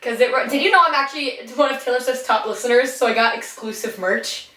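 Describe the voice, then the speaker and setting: A woman's voice: fairly high pitch, quick pace, sharp tone. A young woman co-hosting a podcast in casual chat, rambling and giggly with lots of slang. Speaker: podcast co-host. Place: bathroom, sitting in a bathtub. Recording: echoey bathroom, voice from a distance.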